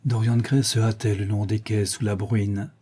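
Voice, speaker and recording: Dark, husky man narrating a novel. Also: lowish voice, little pitch movement. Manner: measured literary reading. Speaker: audiobook narrator. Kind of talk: scripted narration.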